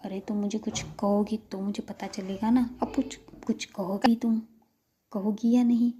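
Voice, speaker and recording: A woman voicing an impatient, bossy young woman who scolds loudly in an exasperated way. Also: mid-range voice, fairly even intonation, moderate pace, slight background noise, close to an everyday voice.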